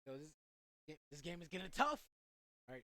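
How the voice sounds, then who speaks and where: Out of breath and excited, a teen high schooler calls a soccer game play by play, drifting into asides aimed at his listeners. He speaks at a normal speed, with no echo.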